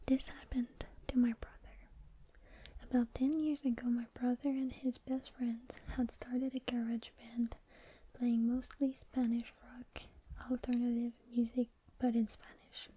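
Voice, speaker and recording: A woman whispering in a breathy, unvoiced voice, reading stories and rambling informally in an unhurried ASMR style. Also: a little high, flat delivery, mellow, rough recording.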